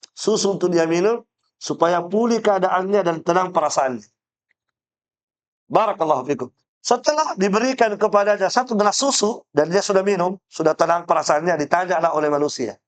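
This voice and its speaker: A man giving a religious study lecture, his voice sitting fairly high for a man. He tells stories with acted-out voices and keeps checking with listeners whether they follow. He repeats phrases to drive the point home. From Indonesia. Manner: storytelling, acts out quoted voices, asks listeners "paham?"; explanatory, repeats phrases for emphasis. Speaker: Islamic teacher.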